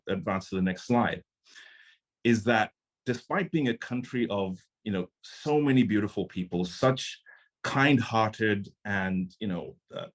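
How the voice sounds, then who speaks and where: Presenting at a conference via video call, a man from Zimbabwe who founded and runs a startup speaks earnestly and conversationally. His pitch is on the low side.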